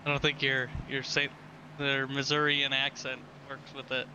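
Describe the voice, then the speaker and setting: A man's voice: medium pitch, monotone, normal speed, noisy background. A man giving casual race commentary and banter as a co-commentator. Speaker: sim racing co-commentator.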